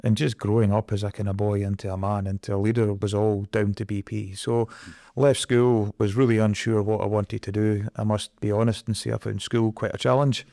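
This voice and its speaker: A man's voice: on the low side, level tone, a little fast, creaky, hardly any pauses, mellow, no room sound, clean studio sound. A Scottish man in his forties, a guest in an interview, talking earnestly and reflectively about his career. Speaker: guest, energy project director. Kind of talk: conversational interview.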